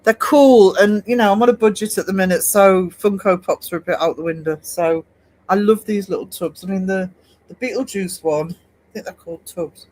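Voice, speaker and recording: A man with a high, slightly dark voice hosts a casual art livestream at a moderate pace, chatting with viewers and reading their live comments. He rambles, using lots of fillers and restarting his sentences. The low-quality recording carries a faint hiss or hum.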